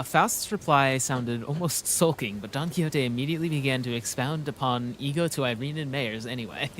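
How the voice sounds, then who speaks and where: A man's voice: medium pitch, fairly bright tone, slight background noise. A man reading a game story aloud with casual commentary, often stumbling and interrupting himself. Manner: halting, stumbling, self-interrupting. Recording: faint music behind the voice. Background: faint music.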